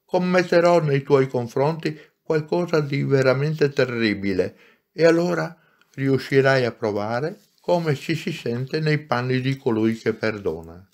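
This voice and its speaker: A man reading aloud and voicing a gentle, patient spirit who speaks calmly and gravely. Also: mid-range voice. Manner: calm, grave and slow. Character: gentle wise friendly soul, male, patient.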